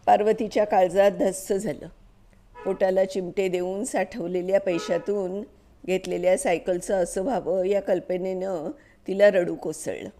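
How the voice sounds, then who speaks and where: Calm woman reading a story, mellow tone. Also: mid-range voice, unhurried. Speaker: narrator.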